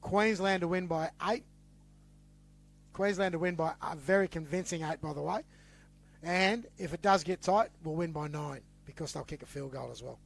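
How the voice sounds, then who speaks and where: A man with an Australian accent, hosting a casual sports podcast, talking in a teasing, animated way and repeating words as he gets going. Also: fairly high pitch, normal speed, vocal fry. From western New South Wales. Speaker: podcast host.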